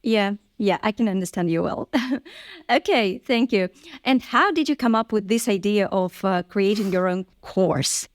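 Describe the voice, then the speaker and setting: A woman's voice: mid-range voice, expressive, a little slow. A woman hosting an interview, who opens with a scripted introduction and then asks short questions. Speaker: host. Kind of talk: interview host.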